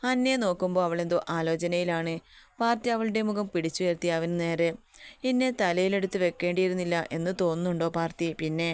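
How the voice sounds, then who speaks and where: Smooth-voiced woman narrating a story. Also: lowish voice, darkish tone.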